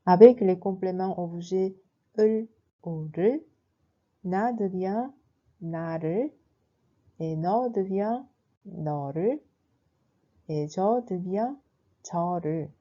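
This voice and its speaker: Female teacher, slow deliberate delivery, warm low-key tone, slightly dull recording. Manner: slow, careful explanation with spelled-out examples. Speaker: language teacher. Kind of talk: scripted lesson narration.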